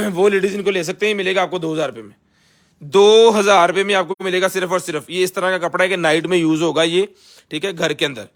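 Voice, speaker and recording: A man with a Pakistani accent giving a casual live sales pitch as a seller, pushing items hard and repeating himself like a hard-sell ad. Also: a bit bright. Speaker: live-stream seller of container goods.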